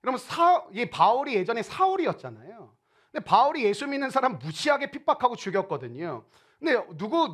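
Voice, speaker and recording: A male pastor preaching a sermon in an animated way, acting out quoted people in playful voices. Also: very high voice.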